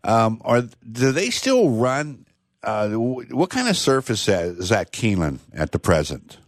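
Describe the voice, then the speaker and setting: A man's voice: fairly low pitch, big pitch swings, a little slow, no echo, studio quality. An older man hosting a horse racing talk show, chatting in a rambling, casual way.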